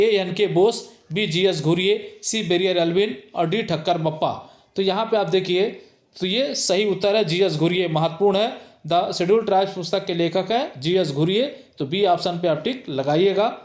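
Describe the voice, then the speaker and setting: A man with a high, light voice teaches an exam-prep lecture, reading each multiple-choice question aloud twice and then stressing the correct option. He sounds middle-aged, and his voice rings in a roomy, echoing space. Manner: reads each question twice, then gives the answer with emphatic repetition. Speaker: sociology teacher.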